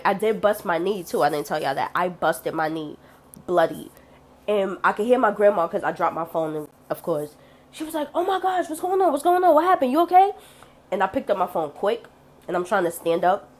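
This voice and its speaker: Talking straight to camera in a relaxed vlog, a young woman with a slightly low voice tells stories bluntly and chattily. She swears freely and jumps into the voices of the people she quotes.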